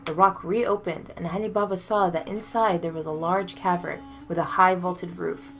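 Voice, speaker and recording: A woman reading a folktale aloud in a measured, expressive storytelling manner. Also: fairly low pitch.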